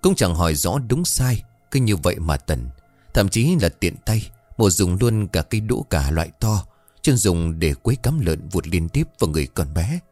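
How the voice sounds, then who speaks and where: A male storyteller reads a ghost tale with a low voice that rises and falls expressively. The sound is dry and close, with faint music playing underneath. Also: normal speed, no echo. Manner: expressive, dramatic reading.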